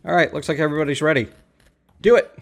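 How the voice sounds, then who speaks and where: A man hosts a casual multiplayer gaming chat, upbeat as he explains items to his friends and laughs easily. His voice is a little high, fast and gravelly.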